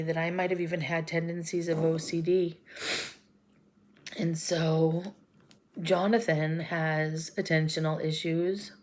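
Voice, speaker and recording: A woman in her forties talking in an emotional personal vlog, close to tears, halting and often dropping to a whisper. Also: lowish voice, a little mellow. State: close to crying. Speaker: vlogger.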